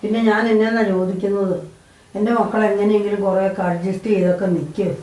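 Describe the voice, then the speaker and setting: A woman's voice: mid-range voice, level tone, fast, warm tone, close to an everyday voice. A woman playing a worried middle-aged mother, talking in a fretful, pleading way. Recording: echoey room, mic at a distance.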